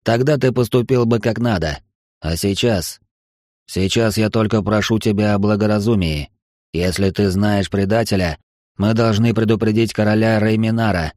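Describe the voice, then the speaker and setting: A man's voice: fairly low pitch, steady tone, normal speed, darkish tone, no echo, studio quality, lightly acted. A man voicing a tired, patient middle-aged space admiral who speaks in a weary, pleading way in an audiobook. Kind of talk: audiobook character voice.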